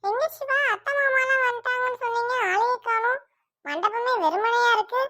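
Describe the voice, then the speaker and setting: A woman's voice: very high-pitched, moderate pace, sharp tone. A young woman playing a newly married bride, chatty and playful with her husband, in an amateur family drama. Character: young bride, emotional and teasing.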